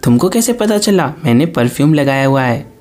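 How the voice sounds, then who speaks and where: A cheerful, easygoing anime father with a warm, fatherly way of speaking, read aloud by a man. The voice sits a touch high for a man, with faint music playing underneath. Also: very animated, moderate pace.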